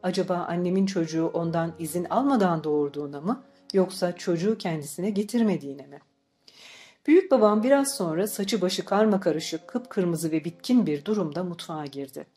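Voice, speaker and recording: A woman narrating an audiobook in a calm, measured storytelling voice. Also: lowish voice, faint music behind. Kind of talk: scripted narration.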